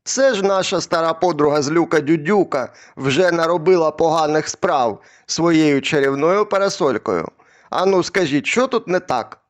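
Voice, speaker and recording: A man's voice: fairly high pitch, moderate pace. A man teaching a children's language lesson in a patient, friendly way, drilling words through repetition and asking the children questions.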